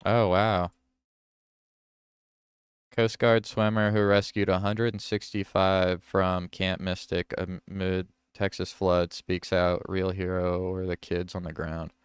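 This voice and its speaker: A man's voice: low voice, flat delivery, slow, smooth, no echo, studio quality. A man hosting a livestream, reading news headlines aloud and reacting to them, with self-corrections. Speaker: livestream host.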